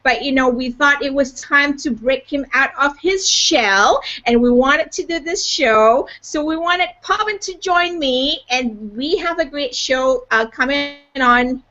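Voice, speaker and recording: A woman's voice: high voice, a little slow, hardly any pauses, pushed and bright. A woman from Malaysia hosting a live online show, upbeat and chatty with lots of "you know" fillers, over a video call. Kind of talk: live webcast chat. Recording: dull lo-fi video call audio.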